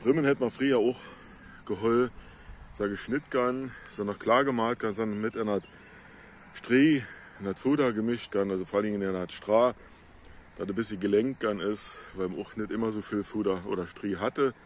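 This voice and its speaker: A man with a Moselle Franconian dialect explaining plants on a casual nature walk outdoors in the countryside, in a halting, unhurried way. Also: lowish voice, a little hiss or hum. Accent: Moselle Franconian dialect of the Saar-Moselle area. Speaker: local nature video maker.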